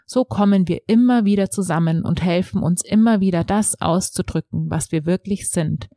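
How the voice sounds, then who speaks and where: Woman as a friendly soul, soft and patient, lowish voice, dry sound. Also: moderate pace, dry recording, lightly acted. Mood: tender. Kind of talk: storybook reading.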